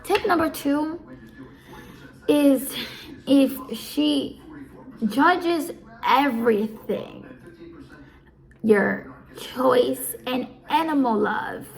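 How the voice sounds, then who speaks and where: On a low-quality recording, a live audio streamer in her early twenties gives casual advice in a loose, rambling way. Her slightly high voice carries a heavy gravelly rasp, and she gets easily distracted, wandering off topic and repeating the same point.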